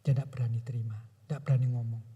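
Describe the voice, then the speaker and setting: A man in his seventies, a pastor telling a personal story in a sermon, moving between hushed retelling and raised preaching. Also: mid-range voice, little pitch movement, very fast, husky, lo-fi sound. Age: 70s. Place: church sanctuary. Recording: long church hall reverb.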